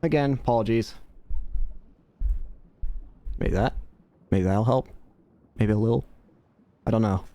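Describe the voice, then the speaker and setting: A man's voice: on the low side, measured pace, pauses often, dark tone. A man giving casual, offhand video game commentary, rambling to himself, with some static on the mic.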